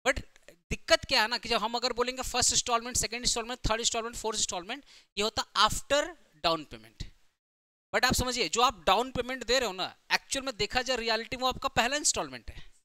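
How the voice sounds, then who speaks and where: Male accountancy tutor, high bright voice, repeats and quizzes the class. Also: no echo. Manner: repeats points, asks the class questions. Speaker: accountancy teacher. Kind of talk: recorded lecture.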